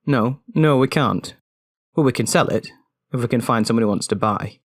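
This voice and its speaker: A man voicing a proud, guarded male orc trader in an audio story, speaking with measured, pointed emphasis. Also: medium pitch, dry recording, natural voice.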